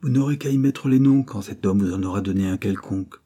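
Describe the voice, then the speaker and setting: A man reading an audiobook, voicing a calm and ironic male detective. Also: fairly low pitch, fast talker, natural voice. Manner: calm, mocking.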